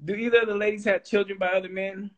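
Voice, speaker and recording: A man's voice: high voice, flat delivery, quick pace, a bit bright, muffled recording, a little hiss or hum. A man, hosting a casual interview and talking loosely, often repeating words as he starts. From Texas. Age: 30s. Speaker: host.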